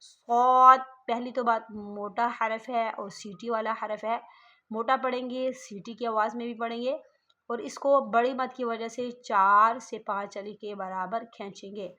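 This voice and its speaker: A woman gives a patient online recitation lesson, her voice bright and fairly high. She explains each letter calmly and stretches the sounds out long when demonstrating. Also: measured pace, dull audio. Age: middle-aged. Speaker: online Quran reading teacher. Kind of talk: slow step-by-step recitation lesson.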